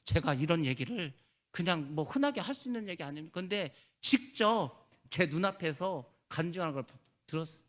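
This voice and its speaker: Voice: mid-range voice, lively intonation, a little fast, a bit bright. A pastor delivering a sermon in a church service, telling an emotional story and rising into fervent pleas to the congregation.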